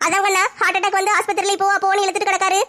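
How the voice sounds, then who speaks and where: Pushy mother, high and bright, played by a woman. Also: level tone, racing, soft background music. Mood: urgent. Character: wheedling mother on the phone.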